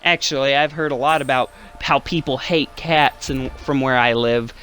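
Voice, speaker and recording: A man's voice: mid-range voice, moderate pace, sharp tone, soft background music. A young man in his twenties hosting a gaming channel, rambling through a casual story with lots of swearing and fillers.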